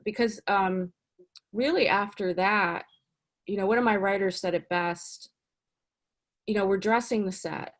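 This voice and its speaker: A woman talking as a casting director in a casual interview, chatty and animated, full of "you know" and "like". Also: a little slow, pauses often. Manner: lively, swings up in pitch for emphasis.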